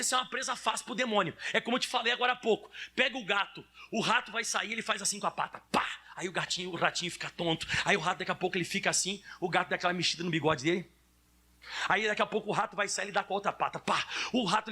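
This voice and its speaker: A male pastor from Brazil preaching a fiery sermon at a church service, with sudden shouted peaks. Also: high-pitched, breathy edge.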